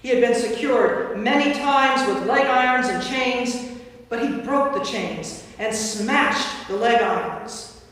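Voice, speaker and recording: A woman acting as narrator and priest tells a scripted story during a staged scripture reading in church. Her voice sits high with a fairly bright tone, and the distant microphone captures heavy echo from the hall.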